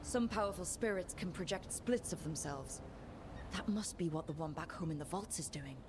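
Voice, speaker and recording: An actress voicing a wry, measured woman adventurer in a video game. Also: lowish voice, lively intonation, noisy background, close to an everyday voice.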